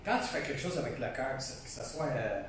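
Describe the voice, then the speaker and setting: With a Québécois French accent, a male painter chats animatedly and at a quick pace about his work in a conversational interview. His mid-range voice is eager, looping back over phrases with frequent restarts. He is distant from the mic, the room echoes heavily, and a faint hiss lingers.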